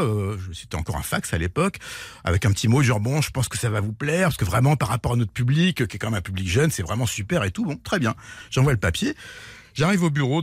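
A man's voice: medium pitch, breathy edge, dry recording. A man telling a long anecdote on a radio show, hesitant with many restarts, acting out the people he quotes. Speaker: music journalist and storyteller guest.

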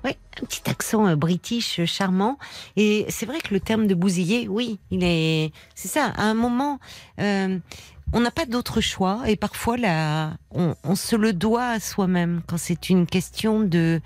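A woman hosting a late-night radio call-in show in a studio, speaking in a gentle, soothing and attentive way. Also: mid-range voice, measured pace, no room sound. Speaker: radio phone-in host. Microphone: studio microphone.

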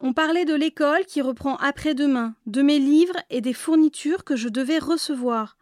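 Lady doing a bossy little witch girl, high voice, lots of exclaiming, storybook. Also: moderate pace, no room sound, studio quality, lightly acted. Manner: lively, exclaiming, high and animated. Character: spirited young witch girl, bold and bossy.

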